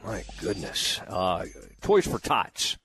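A man's voice: low voice, very animated, takes it slowly, a bit bright, low-quality recording. A man hosting a radio show in casual chat, loose and exclamatory as he rambles. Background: faint music.

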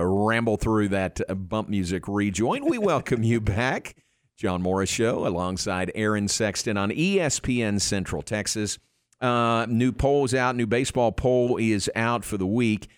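A man's voice: lowish voice, expressive, a little slow, clean tone, dry recording. Man hosting casual sports radio, dry studio sound. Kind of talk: casual live radio talk.

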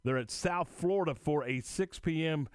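A man's voice: fairly high pitch, moderate pace, smooth, no echo. Dry, close-miked male sports radio host. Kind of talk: live sports radio talk.

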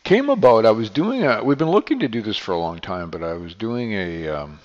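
A man's voice: on the low side, sing-song, brisk. An older man hosting his podcast in a rambling, self-correcting way, his voice carrying a heavy echo like a canyon. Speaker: podcast host and beekeeper. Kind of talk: casual solo podcast talk. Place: unfamiliar studio room. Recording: long echoing reverb, dull lo-fi sound.

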